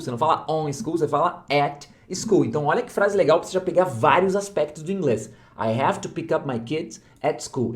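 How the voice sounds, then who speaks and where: A man teaching English to learners in a casual online lesson, checking in often with short questions and repeating key phrases slowly. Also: a little high.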